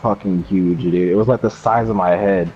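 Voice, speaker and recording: A young American guy with a low, fairly even voice tells a friend an anecdote at normal speed, casual and rambling, full of slang and swearing. The audio sounds dull and lo-fi, with faint background noise.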